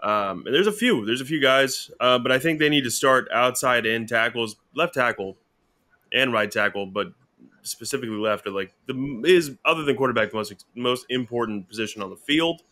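Bright-voiced man chatting football. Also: mid-range voice, moderate pace. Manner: relaxed, rambling with fillers and restarts. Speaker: podcast co-host. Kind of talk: casual sports chat.

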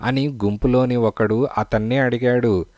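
A man calmly narrating a children's folk tale as an audiobook reader. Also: mid-range voice, a little slow, no room sound, studio quality. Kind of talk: storybook narration.

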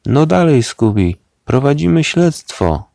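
A man reading a storybook aloud and voicing an excitable, cowardly young man who loves snacks, with yelping exclamations. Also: mid-range voice, measured pace, vocal fry, dry recording, clean studio sound, pitched above the performer's own voice. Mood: excited.

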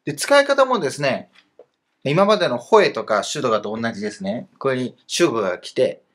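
Lively husky man teaching grammar. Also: medium pitch, normal speed. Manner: lively explaining with fillers. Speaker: teacher of Chinese. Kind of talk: narrated grammar lesson.

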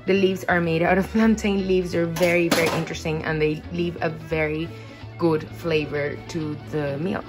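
A woman's voice: sits low, fairly even intonation, normal speed, over music. A woman in her thirties with a Venezuelan Spanish accent, a native Spanish speaker, chatting casually to her phone camera as a cooking vlogger and explaining as she goes. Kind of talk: casual vlog. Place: bedroom indoors, then kitchen.

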